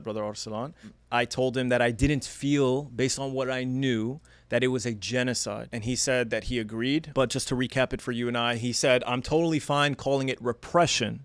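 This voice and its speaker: A man hosting a podcast, speaking in a measured, earnest way, introducing his guest and asking questions. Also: mid-range voice, clear, resonant tone, dry recording. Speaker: podcast host. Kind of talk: podcast interview, read-out intro. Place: studio.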